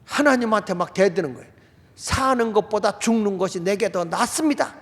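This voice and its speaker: A male pastor preaching a sermon in an animated way, acting out quoted outbursts and putting questions to the congregation. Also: sits high, brisk. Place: church sanctuary. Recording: long reverb of a church hall.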